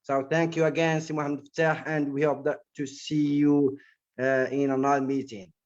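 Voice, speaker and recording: A man from Morocco with a somewhat high voice thanks the participants one by one. He fills his pauses often as he goes. The call audio is dull and lo-fi. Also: flat delivery, a little mellow. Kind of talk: online meeting remarks.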